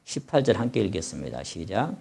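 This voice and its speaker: A man's voice: low-pitched, sing-song, brisk, gravelly, darkish tone, slightly rough. A man preaching a sermon as pastor, reading scripture aloud and explaining it with passion, crying out as the sufferer. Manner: reads scripture aloud, then explains it in plain speech; impassioned, cries out in the voice of the sufferer.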